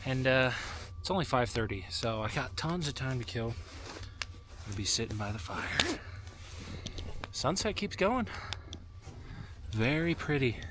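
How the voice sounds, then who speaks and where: A man talking casually to camera as a solo camping vlogger, in a relaxed, understated way. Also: mid-range voice, measured pace, pauses often. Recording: clear background noise, small clicks.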